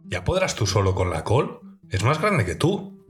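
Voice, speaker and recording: A man voicing a puzzled shopkeeper in a children's story, calling out loudly. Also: fairly low pitch, big pitch swings, unhurried, soft background music. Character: gruff, puzzled male shopkeeper.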